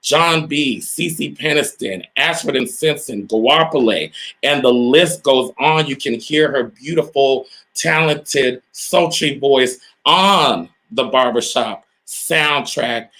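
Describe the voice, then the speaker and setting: Hyped bright-voiced male host. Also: mid-range voice, slow. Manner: hyped, repetitive, addresses viewers as y'all. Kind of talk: casual live-stream interview.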